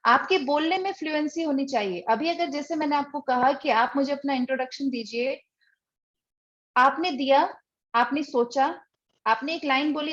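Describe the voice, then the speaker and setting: A woman's voice: high voice, highs cut off. A woman teaching a spoken English class, explaining step by step, asking rhetorical questions and checking in with her students as she goes. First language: Hindi. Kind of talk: online spoken English lesson in Hindi.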